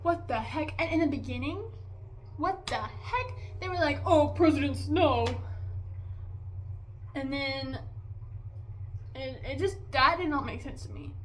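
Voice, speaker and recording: A woman's voice: high voice, measured pace, fairly bright tone, a little hiss or hum. A young woman vlogger giving a casual, exasperated movie review, chatty and full of "like" and "okay?".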